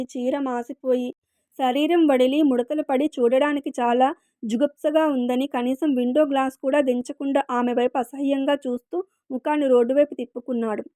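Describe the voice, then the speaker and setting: A woman narrating a story in a steady, expressive reading voice. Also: high voice, dry recording, clean studio sound.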